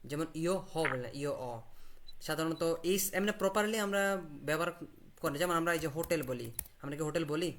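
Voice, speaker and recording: A man's voice: on the high side, fairly quick, fairly bright tone. A man teaching a language class, patiently drilling pronunciation and quizzing his students.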